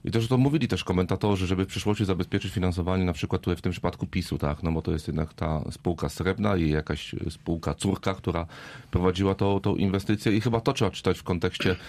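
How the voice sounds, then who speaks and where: A man's voice: deep voice, steady tone, fast talker, darkish tone. A man speaking as a guest on a political panel, rambling, with many fillers and tag questions. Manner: rambling, with fillers and "right?" tags.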